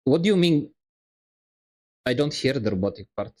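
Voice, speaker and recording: Male streamer, mid-pitched, rambling and self-deprecating, chatting on a lapel mic. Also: lively intonation, normal speed, darkish tone, rough recording. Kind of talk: casual chat on a live stream. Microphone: wireless lapel microphone.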